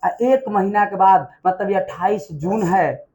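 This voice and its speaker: Man, lively classroom history teacher. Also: high voice, a little slow. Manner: lively, quizzes the class with call-and-response questions.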